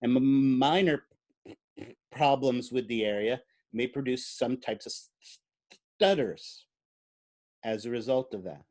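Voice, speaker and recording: A man's voice: mid-range voice, steady tone, a little slow, a little mellow. A man giving a biology lecture in a classroom. He explains at an easy, conversational pace, uses fillers like "uh," and puts questions to the students.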